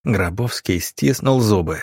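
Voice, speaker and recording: A man narrating an audiobook in a steady storytelling manner. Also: lowish voice, unhurried, breathy edge, no room sound, studio quality. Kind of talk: scripted narration.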